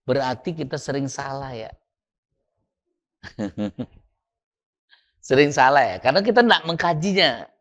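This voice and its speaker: A man's voice: medium pitch, expressive, unhurried, long pauses, a bit bright. Guy preaching in a mosque, voice jumps all over, asks the crowd stuff, spells words out. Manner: questions the audience and spells words out letter by letter. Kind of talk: mosque study sermon. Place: mosque study hall.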